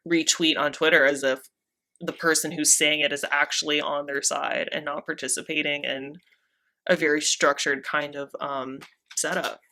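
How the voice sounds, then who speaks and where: A woman's voice: deep voice, little pitch movement, normal speed, bright, forceful tone. A young woman in her twenties, co-hosting a podcast in casual chat, wry and sarcastic, a little tipsy. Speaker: podcast co-host.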